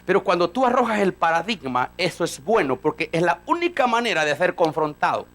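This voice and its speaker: A man preaching a fiery sermon, rising to shouts and acting out dialogue between characters. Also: high-pitched, sing-song, a little fast. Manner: fiery, rising to shouts, acts out voices of Peter and God.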